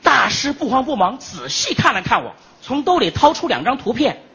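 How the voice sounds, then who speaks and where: A man's voice: very high voice, sing-song, normal speed, creaky, pushed and bright, slightly rough, lo-fi sound. A man performing as lead crosstalk comedian, telling his story animatedly and coming back to the same punchline refrains.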